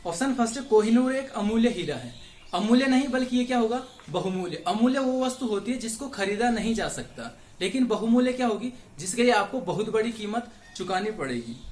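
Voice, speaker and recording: In a reverberant recording, a high-voiced man with a Hindi accent teaches Hindi grammar. He walks through exam questions, posing each one and then answering it himself.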